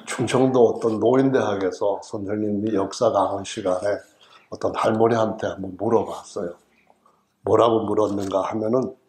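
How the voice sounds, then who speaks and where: Middle-aged Korean man from the central region, pastor; humorous, folksy sermon delivery, lowish voice, church echo. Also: darkish tone. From Chungcheong region, South Korea. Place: church sanctuary.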